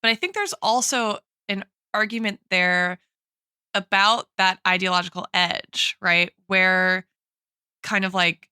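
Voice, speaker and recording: A podcast co-host with a smooth, bright, mid-range voice speaks a little slowly in a steady yet forceful tone. She reasons aloud in an analytical, conversational and academic way, often framing her points tentatively. The recording is dry and studio quality.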